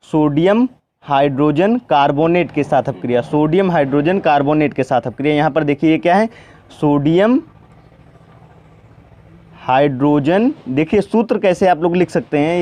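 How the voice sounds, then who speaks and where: A man teaching chemistry at a board, speaking slowly and asking questions he then answers himself. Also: fairly high pitch, lo-fi sound. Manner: asks questions and answers them himself, repeats "ठीक ना". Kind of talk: board lesson, step by step.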